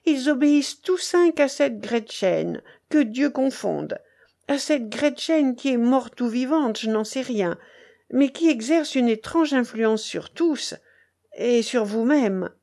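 A frightened young woman, as a female reader puts her on, pleading in a trembling, urgent voice. She pitches it higher than her narration and lets it swing widely, slow and mellow. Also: animated, creaky, heavily acted. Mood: anguished.

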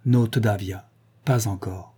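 A man's voice: on the low side, fairly even intonation, moderate pace, dark tone, slightly rough. A man reading the part of a proud English major, pleading in an impassioned, declamatory way. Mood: anguished.

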